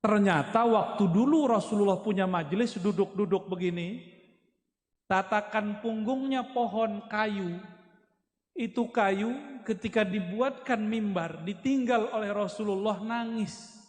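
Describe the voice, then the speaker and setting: A man preaching a humorous sermon, telling stories in a joking, animated way. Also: high-pitched, unhurried. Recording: echoey hall.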